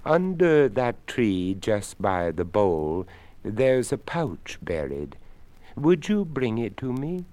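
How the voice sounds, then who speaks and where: A man voicing a polite, courtly old skeleton who speaks formally and gently. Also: on the low side, very animated, takes it slowly, no room sound, voice pushed up. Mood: courteous.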